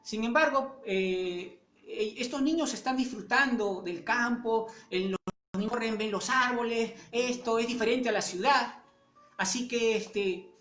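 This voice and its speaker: A woman preaching a sermon and telling a story, talking conversationally with many fillers and pauses. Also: fairly high pitch, a bit bright. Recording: echoey room.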